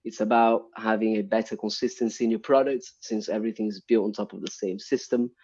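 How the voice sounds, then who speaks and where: A Brazilian man, a UI developer, is being interviewed on a casual live stream and explains things at length, with many ums and restarts. His voice is on the low side, level and darkish with a breathy edge, a little fast, and carried by dull, lo-fi stream audio.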